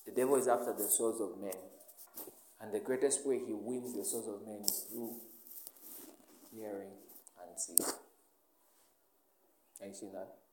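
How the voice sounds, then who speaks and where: A man's voice: on the low side, fairly even intonation, a little slow, long pauses, noisy background. A man preaching a sermon, asking the listeners questions and answering them himself. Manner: emphatic call-and-response questioning. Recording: echoey room.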